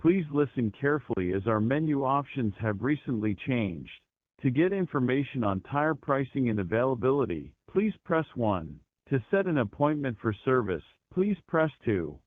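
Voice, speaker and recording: A man's voice: mid-range voice, very animated, no room sound. Man's recorded phone menu message. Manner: slow, measured announcer reading. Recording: tinny dry phone line.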